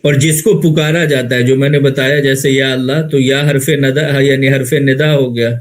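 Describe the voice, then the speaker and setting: A man with an Indian Urdu accent gives a grammar lecture, calm and methodical. He rephrases each term several times and poses questions he then answers himself. His voice sits at an ordinary middle pitch for a man. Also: rough recording. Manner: patient, repeats and rephrases terms, asks and answers own questions. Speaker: Arabic grammar teacher.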